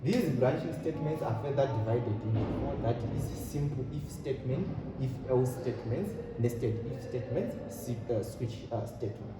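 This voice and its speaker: A man's voice: medium pitch, normal speed, few pauses. A man teaching a programming class, repeating points and asking fill-in questions. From Zimbabwe. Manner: repetitive, asks rhetorical fill-in questions. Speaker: programming lecturer. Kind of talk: classroom lecture. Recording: echoey room, distant mic, noisy.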